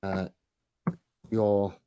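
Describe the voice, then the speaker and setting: A man's voice: lowish voice, level tone, very slow, mellow, clean tone, no room sound. A man, a chatbot developer on a casual live-stream, talking through his work while he types, with loose colloquial asides. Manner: chatty, thinks aloud while typing, colloquial. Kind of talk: casual screen-share chat.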